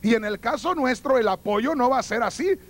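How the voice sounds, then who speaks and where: A man's voice: very high-pitched, expressive, brisk. A man, a pastor, giving an earnest teaching sermon and addressing the congregation directly. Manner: acts out quoted voices in his teaching.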